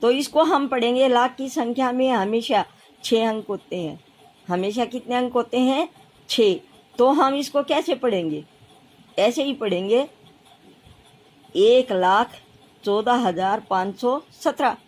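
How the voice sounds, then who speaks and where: A woman's voice: a little high, measured pace, darkish tone. A woman primary school teacher explaining place value, patiently counting aloud and repeating steps for children. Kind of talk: classroom math lesson.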